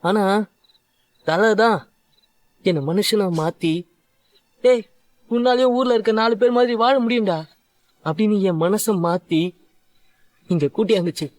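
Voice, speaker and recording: A man's voice: high-pitched, a little slow, pauses often, no room sound. A man playing a grateful ex-convict youth. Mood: earnest. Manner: earnest, emotional confession. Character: grateful young man, former prisoner. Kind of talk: dubbed serial dialogue.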